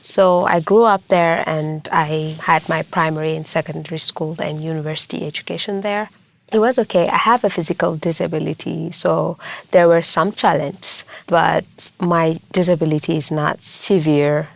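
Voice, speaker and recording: Young woman, deep gravelly voice, earnest, measured, interview guest. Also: fairly even intonation. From Ethiopia. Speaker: guest, lawyer and social worker. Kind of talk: reflective interview answers.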